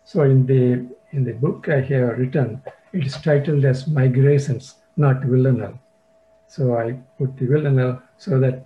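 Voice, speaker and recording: An older man from India with a Tamil-influenced English accent, a poet talking casually on a video call, hesitant and full of fillers and restarts. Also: medium pitch. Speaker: poet sharing his work. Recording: dull lo-fi video call audio.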